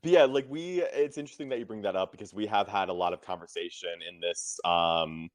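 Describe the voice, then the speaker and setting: A man's voice: low voice, a little fast, dry recording. A man co-hosting a casual podcast recap, steering the talk and asking the guest questions. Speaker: podcast co-host.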